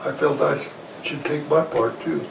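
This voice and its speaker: A man in his eighties recalling his life in a halting, folksy, plain-spoken interview style. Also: a little high, fairly even intonation, vocal fry. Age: 80s. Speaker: Korean War veteran being interviewed. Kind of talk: conversational oral-history recollection. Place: small living room, indoors, in armchair. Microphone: lavalier clipped to shirt. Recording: roomy, distant sound with faint noise.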